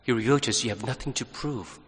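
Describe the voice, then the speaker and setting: A man speaks as a priest, reading and preaching with solemn, measured phrasing. His mid-pitched voice rings through a large church with a long, cathedral-like echo trailing his words. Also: fairly bright tone. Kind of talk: liturgical gospel reading and homily.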